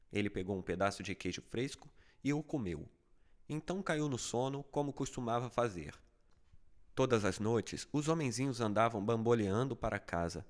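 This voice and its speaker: A man narrating a fable as an audiobook, with steady, even storytelling. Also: medium pitch.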